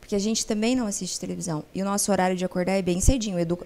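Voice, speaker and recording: A woman with a Brazilian accent, a family counselor chatting as a podcast guest, frank and lively, acting out the conversations she retells. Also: mid-range voice, rapid-fire. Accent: Brazilian Portuguese. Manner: frank, lively storyteller who acts out conversations. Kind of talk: casual podcast chat.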